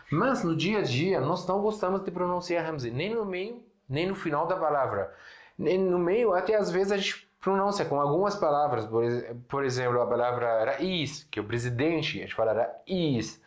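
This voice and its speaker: Teaching a casual lesson online, a Syrian man who speaks Arabic natively has a Syrian Arabic accent. His explanations are slow, with example words drawn out and plenty of fillers and restarts. He speaks expressively on the high side, in an echoey room.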